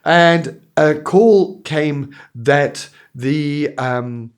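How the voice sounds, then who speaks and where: A man's voice: a little high, drawn-out words, clear, resonant tone. Rambling man telling stories. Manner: rambling, self-amused storyteller with frequent restarts. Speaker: podcast co-host. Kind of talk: casual chat, storytelling.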